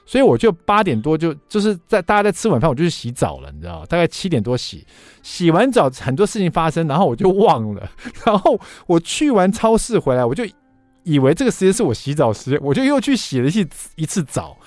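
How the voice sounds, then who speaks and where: A middle-aged man, a radio show host telling a funny story about himself in an animated way. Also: fairly high pitch, quick pace, no echo. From Taiwan. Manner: animated, self-mocking anecdote telling. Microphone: studio microphone.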